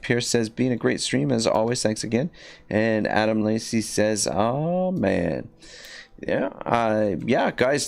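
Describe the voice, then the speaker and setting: A livestreaming man with a scratchy, mid-range voice and vocal fry chats casually and rambles while playing a strategy game. He leans heavily on fillers and frequently restarts his sentences.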